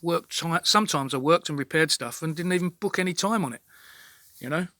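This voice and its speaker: A man's voice: on the high side, fairly quick, sharp tone, no room sound. A man venting in an exasperated, sweary rant monologue to his own channel, repeating himself as he talks. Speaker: vlogger.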